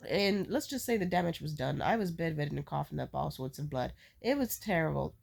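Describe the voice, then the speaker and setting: A woman who is sick with a stuffed-up nose rambles casually. She complains with theatrical, animated emphasis and swears freely as she tells her stories. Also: low voice, fairly quick, gravelly. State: sick with a cold, congested nose. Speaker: vlogger. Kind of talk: casual rambling storytime chat.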